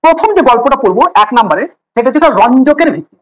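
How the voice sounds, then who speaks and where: A man's voice: very high-pitched, animated, low-quality recording. A man teaching biology in a casual online class, joking and teasing his students as he explains. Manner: rapid, repetitive explaining with fillers.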